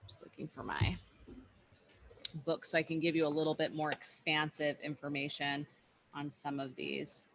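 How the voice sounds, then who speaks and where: A woman's voice: deep voice, monotone, normal speed, slight background noise. A woman teaching an online workshop, explaining at an easygoing pace with frequent fillers and restarts, over a video call.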